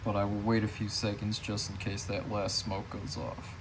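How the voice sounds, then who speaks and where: A man's voice: fairly low pitch, level tone, moderate pace, background noise. A man giving a casual hands-on demonstration, narrating each step informally as he goes. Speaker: fire alarm hobbyist demonstrator.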